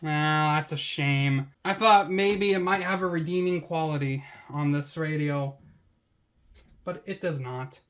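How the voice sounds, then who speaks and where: A low, slightly slow female voice hosts a casual product review vlog, chatting wryly in slang and finding things easily amusing.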